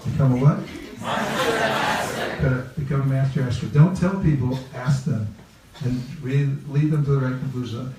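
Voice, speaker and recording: In a noisy, reverberant room full of a live group, a Californian religious teacher speaks in a mid-range voice at moderate pace, pausing often. He leads the training talk interactively, playfully putting questions to the group and repeating key phrases, heard from a distance.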